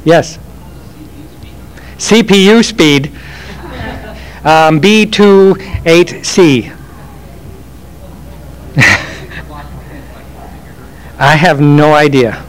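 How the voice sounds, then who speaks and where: Talker with a lightly raised pitch, chatty and self-mocking, fielding audience questions on stage. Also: male voice, drawn-out words, pauses often, rough recording. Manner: rambling, chatty, self-deprecating humor. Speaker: game industry speaker. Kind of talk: live Q&A storytelling.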